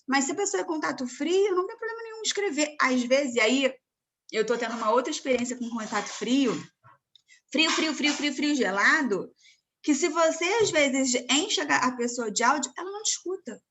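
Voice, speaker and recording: A woman from Brazil hosting a casual chat, talking warmly and loosely with lots of "né" fillers. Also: high-pitched, animated, a little fast. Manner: chatty, many fillers like "né". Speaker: host.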